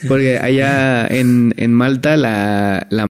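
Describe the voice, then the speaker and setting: A man's voice: mid-range voice, steady tone, slow, clean tone. A man with a Mexican accent, a guest telling stories in casual chat, full of tag questions and restarts. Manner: chatty, peppers speech with tag questions and restarts. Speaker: guest, former hotel entertainer.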